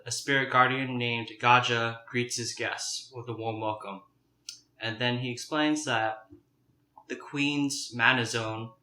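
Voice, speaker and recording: A young man chatting casually and a little haltingly as he hosts a mukbang, eating crunchy fried chicken. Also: medium pitch, pushed and bright. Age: young adult. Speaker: mukbang video host. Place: home kitchen, indoors. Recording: roomy, echoing kitchen sound.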